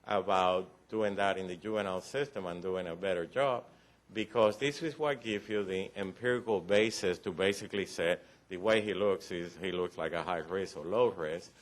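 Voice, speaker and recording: Presenting to county commissioners in their meeting room, a Cuban-accented man delivers a formal briefing in a very deep, low voice. He is patient in his explanations, frequently restarts phrases, and slips in some gentle humor.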